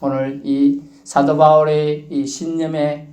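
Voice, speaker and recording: A man preaching a sermon as pastor, telling lively folksy stories and acting out bits of dialogue. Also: a little high, slow pace, roomy sound. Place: church.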